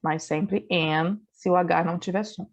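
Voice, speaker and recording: Woman teacher, patient step-by-step explaining, gravelly edge, dull lo-fi recording. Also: fairly low pitch, fairly even intonation, a little slow. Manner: patient explaining with frequent "né?" and "então". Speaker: English teacher. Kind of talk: recorded online class.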